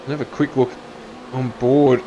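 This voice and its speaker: A man's voice: little pitch movement, normal speed, dull audio, background noise. A man commentating an online sim race, reading grid positions and calling incidents. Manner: reels off names, jumps in pitch at crashes.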